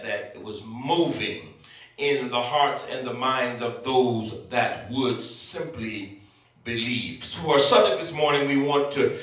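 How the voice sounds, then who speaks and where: Male bishop at a pulpit microphone, crisp bright tone, heavy church echo, sermon cadence full of amens. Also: medium pitch. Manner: punctuates phrases with frequent amens. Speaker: bishop preaching. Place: church sanctuary. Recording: echoey church sanctuary, mic at a distance.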